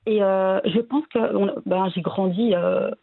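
A woman from Belgium, a guest talking casually and hesitantly about her family, with many pauses and restarts. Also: medium pitch, fairly even intonation, vocal fry, no room sound. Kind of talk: casual interview conversation. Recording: tinny phone-like line.

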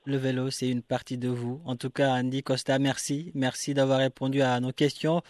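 A man's voice: mid-range voice, little pitch movement, a little mellow, no room sound. Man hosting a show, formal, dry close sound. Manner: formal, measured questions. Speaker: radio show host. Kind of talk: interview hosting.

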